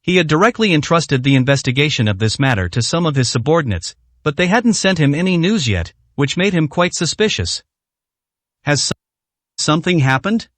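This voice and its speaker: A man narrating a translated novel in a steady, plain reading style. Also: a little high, a little fast, few pauses, dry recording. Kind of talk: storybook narration.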